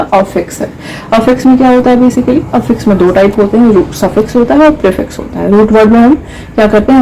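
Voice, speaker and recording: A woman's voice: fairly high pitch, dark tone, slight background noise, rough recording. Woman teaching grammar in Hindi-English. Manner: explains step by step, asks rhetorical questions.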